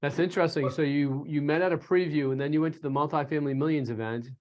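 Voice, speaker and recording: A man's voice: on the high side, fast, darkish tone, highs cut off. A man hosting a podcast interview, loose and chatty with plenty of fillers. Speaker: podcast host.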